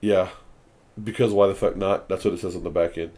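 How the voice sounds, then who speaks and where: A young man talks loosely over beers on his podcast. His voice sits fairly low, and his talk is blunt and heavy with swearing. He wanders through his points in a rambling way. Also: fairly even intonation, a little fast, dark tone. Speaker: podcast host.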